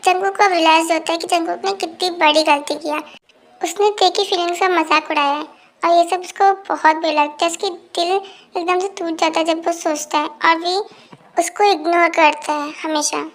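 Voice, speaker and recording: Very high, creaky amateur storyteller. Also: fairly even intonation, normal speed. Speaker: narrator. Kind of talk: amateur Hindi fan-fiction storytelling.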